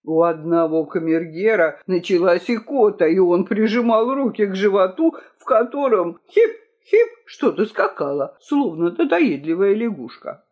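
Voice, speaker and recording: Storybook narrator: unhurried, animated, muffled lo-fi recording. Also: medium pitch. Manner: slow, expressive storytelling. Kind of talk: storybook reading. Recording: dull lo-fi recording.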